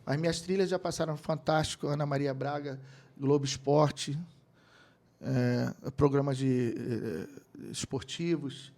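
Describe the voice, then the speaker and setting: As a guest in a casual interview, a middle-aged Brazilian keyboardist and music producer tells animated anecdotes with quoted voices and laughter. His medium-pitched voice has vocal fry, and he keeps a measured pace.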